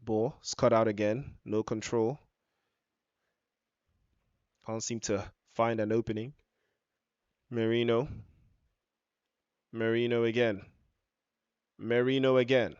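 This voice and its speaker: A man doing live esports football match commentary, stretching out excited shouts on goals and big chances. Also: medium pitch, smooth, no room sound, lo-fi sound.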